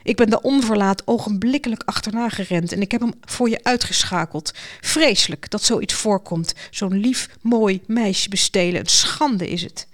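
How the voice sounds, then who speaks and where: A woman voicing a charming but controlling young man in a storybook, smooth and quietly commanding. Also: medium pitch, moderate pace, close to an everyday voice.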